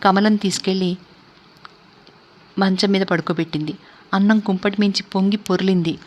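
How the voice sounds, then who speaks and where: A woman's voice: medium pitch, steady tone, normal speed, darkish tone, lo-fi sound. Woman reading a story steadily. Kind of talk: scripted narration of a story.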